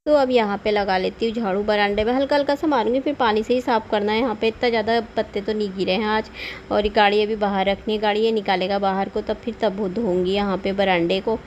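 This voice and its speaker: A woman's voice: medium pitch, steady tone, fast talker, few pauses, a little hiss or hum. A woman vlogger casually narrating her housework in a chatty, homely way, with frequent little laughs and tag questions. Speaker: home vlogger.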